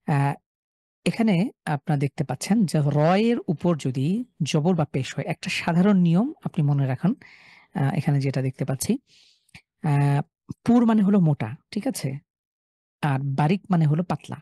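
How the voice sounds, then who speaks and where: A man with a Bangladeshi Bengali accent teaching a live online recitation class. He is patient, drills words slowly and often checks in with the class. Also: fairly high pitch, lively intonation, mellow, no room sound, clean studio sound.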